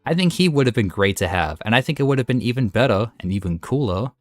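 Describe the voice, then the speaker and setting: A man's voice: mid-range voice, expressive, fast talker, dry recording, clean studio sound, soft background music. A man giving casual, enthusiastic and opinionated commentary while ranking game characters. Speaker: gaming video host. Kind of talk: casual tier-list commentary.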